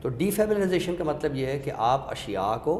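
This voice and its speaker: This man talks fairly quickly and very animatedly, his voice a little high and slightly mellow, as he explains literary concepts one step at a time with examples. He's a guest expert with a didactic manner, captured in a reverberant, echoey room with some background noise.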